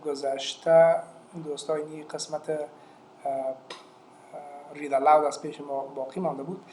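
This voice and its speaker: A man with an Afghan Dari accent teaching an online English lesson, talking patiently and repeating each word slowly with many hesitations. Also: a little high, a little mellow. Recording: echoey room with faint noise.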